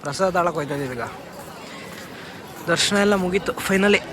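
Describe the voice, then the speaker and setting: A young man vlogging casually outdoors, teasing his friends in quick banter. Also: sits high. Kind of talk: casual travel vlog chat. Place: outdoors at a busy temple area and parking lot. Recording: busy crowd and street noise.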